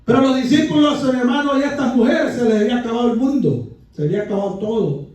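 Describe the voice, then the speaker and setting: Heard from far off in an echoey church sanctuary, a pastor fervently preaches a Pentecostal sermon, often calling his listeners brother. He talks fast in a very high voice with a darkish tone.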